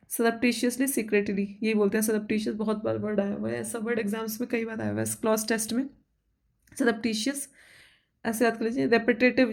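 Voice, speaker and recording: A woman with an Indian English accent teaching vocabulary for exams, repeating each word and asking herself quick questions. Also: medium pitch, a little mellow. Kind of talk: exam-prep vocabulary lesson.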